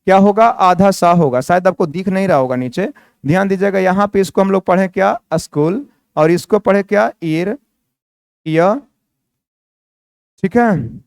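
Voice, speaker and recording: A man's voice: sits high, a little fast, vocal fry, clear, resonant tone, no room sound, studio quality. A man teaching English grammar in Hindi. He asks the viewers questions, answers them himself and repeats key words. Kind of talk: Hindi-language grammar lesson.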